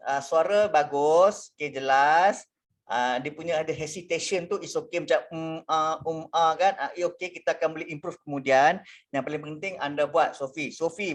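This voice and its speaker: A Malaysian man coaching students in an online workshop, giving encouraging feedback and mixing in English words. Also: a little high. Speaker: webinar coach. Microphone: video call.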